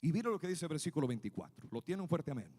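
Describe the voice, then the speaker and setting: A man from Guatemala preaches from the pulpit in an animated, direct way, calling his listeners brother. His voice sits high for a man, and long reverb trails after it in the church hall. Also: fast talker. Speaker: pastor. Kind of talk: sermon. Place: church sanctuary.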